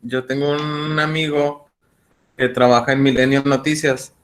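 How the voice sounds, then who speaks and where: Student, man, mid pitch, monotone, calm delivery on a video call. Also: unhurried. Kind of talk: class discussion.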